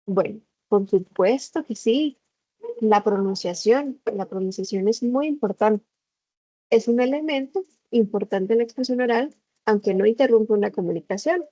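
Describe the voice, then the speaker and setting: A woman teaching a lesson over a video call, explaining slowly and putting questions to the class. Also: on the high side, warm tone, no echo. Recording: slightly dull video call audio.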